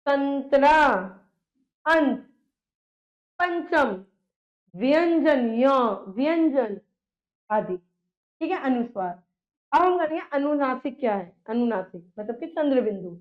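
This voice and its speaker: A woman teaching a grammar lesson, who asks questions and answers them herself and stretches out the example sounds. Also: sits high. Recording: dull lo-fi recording.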